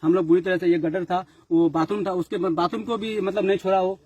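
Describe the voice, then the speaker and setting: A man's voice: high voice, little pitch movement, brisk, dry recording. A man telling an interviewer outdoors, urgently and repetitively, how his group was attacked. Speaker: party worker describing an attack. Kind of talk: agitated street interview account. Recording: loud crowd behind.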